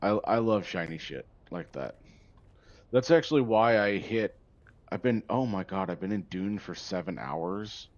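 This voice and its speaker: Rambling male streamer, low voice. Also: lively intonation, a little slow, muffled recording. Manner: rambling, easily sidetracked, chatty with a viewer. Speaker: gaming streamer. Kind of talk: casual livestream chat.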